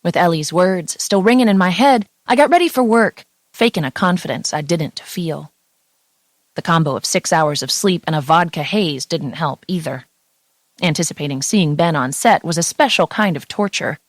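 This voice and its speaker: A woman's voice: fairly low pitch, normal speed, no room sound. A woman narrating a first-person romance audiobook in an intimate, confessional manner, close to the mic.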